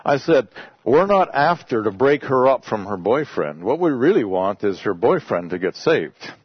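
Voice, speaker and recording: Here a missionary recounts his work to a congregation, folksy and conversational, like he's telling a story. He's a native English-speaking man with a mid-range voice that is very animated, moderately paced, and edged with breathiness. There's no echo, though the recording sounds dull and lo-fi.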